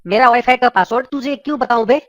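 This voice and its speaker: A woman voicing a gruff, short-tempered male neighbor, in a high pitch-shifted cartoon voice, barking slangy insults. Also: quick pace, no echo, highs cut off. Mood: scornful.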